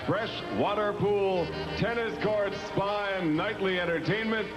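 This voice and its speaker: A man announcing a game show prize in a booming, scripted promotional style. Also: unhurried. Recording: loud music under the voice.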